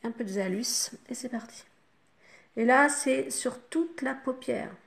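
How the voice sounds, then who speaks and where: Une femme francophone au ton bavard, qui explique pas à pas son maquillage aux spectatrices avec beaucoup de « hop » et « voilà ». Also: female voice, high-pitched, a little slow, vocal fry. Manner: chatty, talks the viewer through each step with fillers like "hop" and "voilà". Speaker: makeup vlogger. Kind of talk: casual makeup tutorial.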